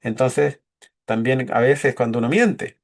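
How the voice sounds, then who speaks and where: A man's voice: mid-range voice, a little slow. A man teaching a leadership course in a conversational lecture style, often checking in with his listeners and acting out short quoted exchanges. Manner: conversational, keeps checking in with "¿cierto?", acts out little quoted exchanges.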